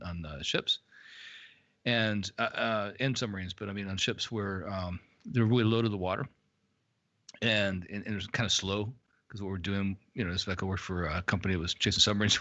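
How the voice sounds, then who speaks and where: A man's lowish voice comes through muffled and boxy, as if he were talking from inside a metal tank. He rambles through reminiscences as a guest on a casual live-stream chat. The remote line is dull and lo-fi, and the sound has little room to it. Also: bright, forceful tone, no room sound. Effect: boxy tin-can sound, like inside a metal tank.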